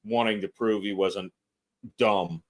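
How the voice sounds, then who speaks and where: Male podcast guest, actor-filmmaker, low-ish voice, self-deprecating, laughs easily. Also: steady tone, slow pace. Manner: fidgety. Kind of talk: casual podcast conversation.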